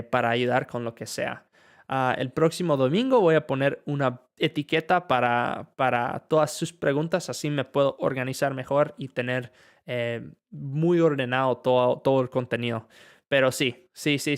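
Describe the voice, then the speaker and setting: A man teaching English in a relaxed live-stream Q&A, chatting casually, reading viewer questions aloud and mixing Spanish with English. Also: medium pitch, smooth.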